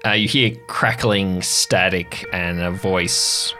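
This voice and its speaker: Guy game master doing moody horror narration, low voice, music behind. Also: steady tone, slow pace, bright, forceful tone. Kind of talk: scripted atmospheric horror narration.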